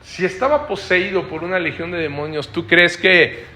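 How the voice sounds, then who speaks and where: Male preacher, high bright voice, teaching style with frequent rhetorical tags. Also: moderate pace. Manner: explanatory, asks listeners frequent rhetorical checks. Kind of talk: Bible study preaching.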